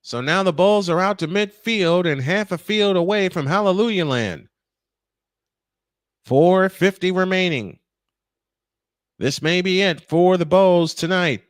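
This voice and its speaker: Excitable man calling football play-by-play. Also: high voice, no echo. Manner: rising excitement on big plays, quick self-corrections. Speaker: play-by-play announcer. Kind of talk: play-by-play commentary.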